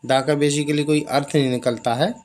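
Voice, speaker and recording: A man teaching basic English in Hindi, explaining each example and repeating the phrases slowly. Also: a little high, steady tone, a little mellow. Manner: slow, drawn-out repetition of example phrases.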